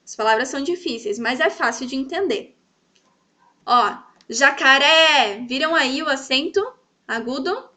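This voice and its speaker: High bright lady teacher, sweet coaxing tone for kids, says each word slow twice. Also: expressive. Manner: stretches and repeats example words slowly; sweet, coaxing, checks in often. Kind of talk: children's grammar lesson.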